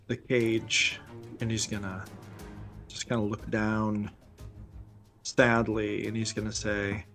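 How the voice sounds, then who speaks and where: A man's voice: lowish voice, flat delivery, slow, a bit bright, faint music behind. A man playing a tabletop game, describing what his character does.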